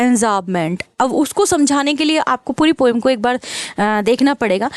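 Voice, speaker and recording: A woman explaining a literature exam lesson, reading out English questions slowly and explaining them in Hindi mixed with English. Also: sits high, no room sound. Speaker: literature teacher.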